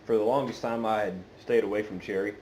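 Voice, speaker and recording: Male hobby vlogger, lowish pitch, hesitant rambling conversational delivery, noisy homemade phone audio. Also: fairly even intonation, darkish tone. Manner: hesitant, meandering, halting delivery. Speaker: pipe-smoking video channel host. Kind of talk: casual unscripted chat to viewers. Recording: clearly noisy amateur phone recording.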